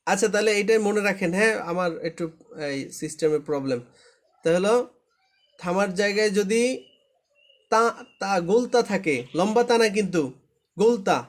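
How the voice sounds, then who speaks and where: High-pitched male tutor, drilling reading rules over an online class and checking that students follow. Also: moderate pace, pauses often. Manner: patient, repetitive, often checks understanding. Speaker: Quran recitation teacher. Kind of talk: live online class instruction. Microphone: online live class.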